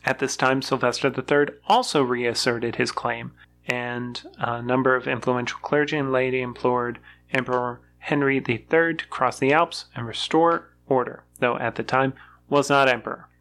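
Co-host reading history notes, steady pace. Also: mid-range voice, normal speed, a little hiss or hum. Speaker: podcast co-host. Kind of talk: casual history podcast, reading notes aloud.

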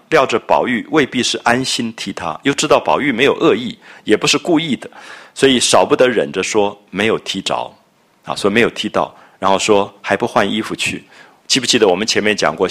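A man lecturing on a classic novel in an easy, conversational way, moving between retelling and comment. His voice sits on the low side for a man and rises and falls freely. He sounds like he is explaining to an audience at a relaxed pace. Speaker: literature lecturer.

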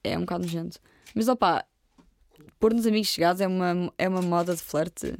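A young woman co-hosting a podcast, teasing in deadpan casual chat. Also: lowish voice, brisk, gravelly. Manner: deadpan teasing, jokes at own expense. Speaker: podcast co-host.

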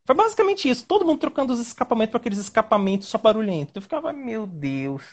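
This man from Brazil, a lawyer invited as a guest, has an extremely high-pitched voice. He chats casually over video, animated and rambling, with quick asides.

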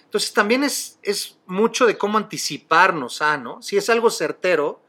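A man's voice: high voice, lively intonation, moderate pace, bright, forceful tone. A middle-aged man with a Mexican accent hosting a podcast, telling stories in a chatty, casual way and laughing easily. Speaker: podcast host. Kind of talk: casual conversation.

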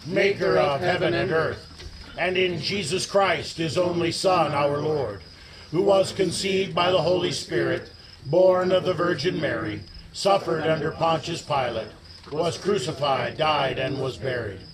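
A congregation reciting a creed and prayer together in a steady unison chant. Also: medium pitch, unhurried, a loud crowd, rough recording.

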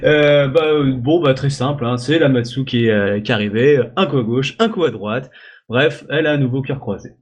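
A man's voice: mid-range voice, normal speed. Hesitant man running a tabletop game. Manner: hesitant, lots of filler sounds, makes little sound effects. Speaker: game master.

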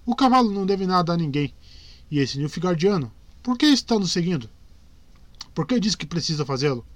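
A man voicing a blunt, sharp-tongued young female archer who mocks her companions, in a dry close recording. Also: high-pitched, big pitch swings, brisk, dry recording, pitched above the performer's own voice. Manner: blunt, mocking.

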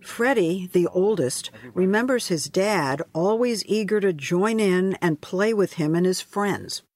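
A woman correspondent reading a scripted news report in a measured, grave manner. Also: mid-range voice, animated, darkish tone.

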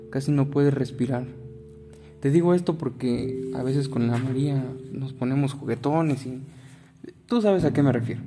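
An older man with a Mexican accent telling a story to the listener in a chatty, folksy way with earthy asides. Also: medium pitch. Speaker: storyteller, key cutter. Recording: guitar music playing behind.

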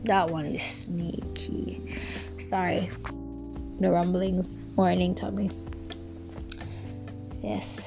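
Extremely slow and creaky, with long pauses, this devotional speaker has a lowish voice and fairly even intonation. Her Jamaican-accented talk is earnest and rambling, full of fillers and restarts, and it comes through a dull lo-fi recording with background music.

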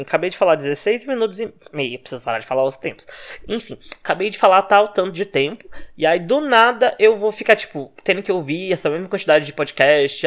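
A young Brazilian man with a Brazilian Portuguese accent vents on his solo podcast from home. He rattles through his thoughts quickly, his pitch leaping up and down as he curses. His home microphone clips now and then. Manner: fast-talking, animated and profane. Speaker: podcast host. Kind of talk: casual solo podcast rant.

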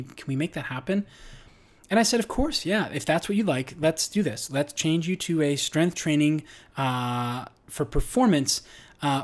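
A middle-aged man hosts a casual podcast as a strength coach. His voice sits a little high for a man. He talks in a loose, conversational way, with plenty of fillers and restarts.

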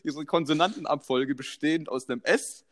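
A man's voice: on the high side, brisk. A young man co-hosting a podcast in casual chat, telling stories animatedly and laughing often. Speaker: podcast co-host.

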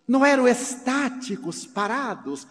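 A man telling a dramatic story in a grave, deliberate way. Long hall reverb. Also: extremely high pitch, very animated.

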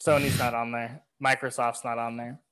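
A man's voice: medium pitch, little pitch movement, normal speed, fairly bright tone, rough recording. A young man co-hosting a casual chat, laid-back and swearing freely as he explains things. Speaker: co-host.

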